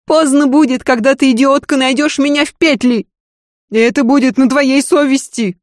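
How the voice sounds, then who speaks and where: A woman's voice: fairly even intonation, moderate pace, no room sound, clean studio sound, lightly acted. A woman voicing a proud, bitter, volatile noblewoman who screams and sobs in outbursts. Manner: shrill, screaming, sobbing outbursts.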